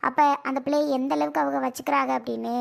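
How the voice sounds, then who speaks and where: A woman's voice: high voice, fairly even intonation, very fast, creaky. A woman voicing an older cartoon mother who lectures, pleads and laments in a scolding way. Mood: lecturing. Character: older mother, lecturing and grieving over her son. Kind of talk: cartoon voice acting.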